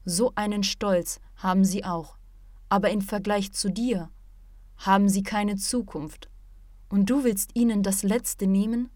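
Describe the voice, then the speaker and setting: A calm male martial arts teacher lectures his student in a measured, patient voice, as a woman reads him aloud. The pitch sits in a middling range. The audiobook recording is dry and close. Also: dry recording, natural voice. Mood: reproachful.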